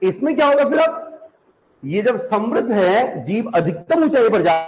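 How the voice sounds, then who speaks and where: A man teaching a class, repeating each term slowly so students can write it down, asking questions and answering them himself. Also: high-pitched, very animated, low-quality recording. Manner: repeats terms for students to copy, asks and answers questions, calls students 'beta'. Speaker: Hindi teacher. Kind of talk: classroom lecture.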